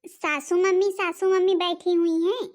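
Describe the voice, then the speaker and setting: A woman voicing a sly young daughter-in-law in a cartoon, flattering in a sugary tone. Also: very high voice, a little slow. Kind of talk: Hindi cartoon voice acting.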